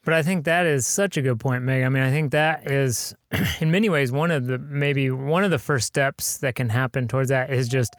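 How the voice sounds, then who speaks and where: A host of middle pitch keeps a relaxed panel chat going. They affirm the others often and build on their points. The sound is dry and close. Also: moderate pace, no echo. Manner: affirming, frequent short agreements. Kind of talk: casual panel conversation.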